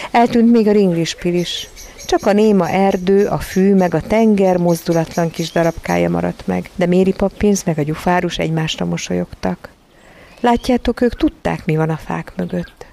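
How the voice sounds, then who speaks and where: A narrator reading a children's story aloud in a calm, steady storytelling manner, now and then addressing the listener directly. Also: mid-range voice, gravelly, slight background noise. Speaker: audiobook narrator.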